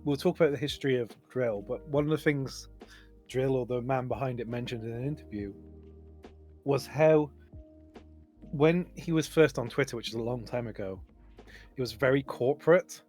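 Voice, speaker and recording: A man's voice: medium pitch, normal speed, long pauses, darkish tone, faint music behind. Rambling chatty man hosting a stream. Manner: chatty, rambling, repeats words and apologizes to chat. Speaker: stream host. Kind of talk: casual stream chat.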